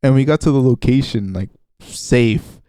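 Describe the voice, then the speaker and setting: A man's voice: medium pitch, moderate pace, warm tone, clear, resonant tone, dry recording. A man in his twenties on a casual podcast, telling a story with lots of laughs, swearing and quoted voices. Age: 20s. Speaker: podcast co-host. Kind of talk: casual chat.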